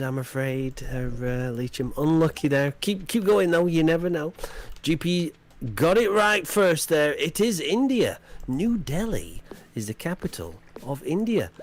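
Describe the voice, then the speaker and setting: A man hosting a chat quiz on a live game stream, playful and teasing, with jokey asides between questions. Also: mid-range voice.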